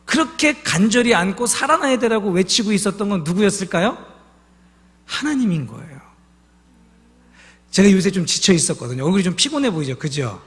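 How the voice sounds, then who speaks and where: Male pastor preaching, high lively voice, lots of church hall reverb. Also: a little fast, long pauses. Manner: emotional storytelling, asks the congregation questions. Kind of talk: sermon. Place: church sanctuary.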